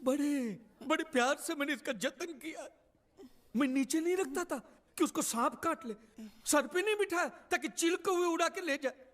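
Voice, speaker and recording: A man's voice: extremely high pitch, moderate pace, fairly bright tone. An actor playing a sly con man in a film comedy, theatrical and falsely tearful. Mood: fake tearful.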